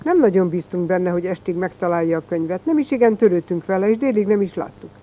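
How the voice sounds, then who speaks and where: A reader narrating a first-person story in a plain, even storytelling manner. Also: medium pitch, dull audio.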